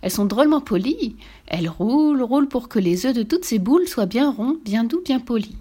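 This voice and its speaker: A woman's voice: fairly high pitch, expressive, a little fast, warm tone, pitched above the performer's own voice. Woman doing a sweet, coaxing young countess. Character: cheerful young countess mother.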